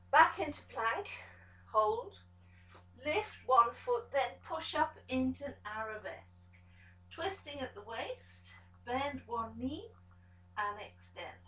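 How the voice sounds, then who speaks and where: A woman pilates instructor giving calm step-by-step cues to an exercise class, encouraging as she goes. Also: sits high, slow, long pauses, recorded from a distance. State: out of breath at times. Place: pilates studio room. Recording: echoey studio room, voice from off the mic.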